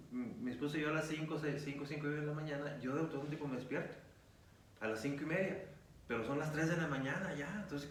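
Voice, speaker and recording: A man's voice: a little high, recorded from a distance. A middle-aged preacher, recounting a personal story in a rambling way full of fillers. He sounds like he is in a very echoey room, set well back from the mic. A faint hum of ambience sits underneath. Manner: rambling retelling with many fillers. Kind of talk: storytelling in an interview.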